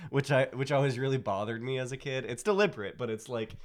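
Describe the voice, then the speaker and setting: A man's voice: medium pitch, lively intonation, fairly quick. A man co-hosting a podcast, chatting in an easygoing way and chuckling as he talks. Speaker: podcast co-host. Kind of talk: casual chat.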